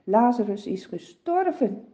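A woman voicing Jesus as a calm, gentle, soft-spoken man in a storybook for children. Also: on the high side, unhurried, dull audio.

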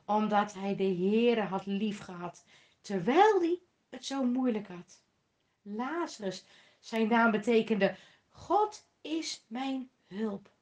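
A woman's voice: medium pitch, slow, darkish tone. A woman telling a Bible story to children, emphatic, asking questions and answering them herself.

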